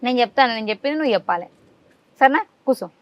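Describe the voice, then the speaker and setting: A woman interviewing a child in a casual chat, coaxing answers out of them with quick questions. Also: on the high side, animated, no room sound. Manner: coaxing, rapid-fire questions. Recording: dull lo-fi dry sound.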